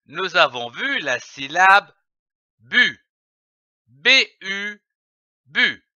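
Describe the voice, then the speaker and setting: Slow, bright-voiced man teaching reading. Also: sits high, big pitch swings, dry recording, lo-fi sound. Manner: spells out letters and syllables slowly and deliberately. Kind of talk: slow scripted reading lesson for young children.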